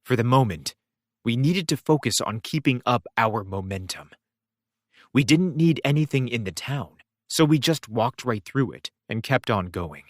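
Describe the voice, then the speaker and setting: Male first-person narrator, wry and expressive; animated delivery, dry. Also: medium pitch, moderate pace, dry recording. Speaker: audiobook reader.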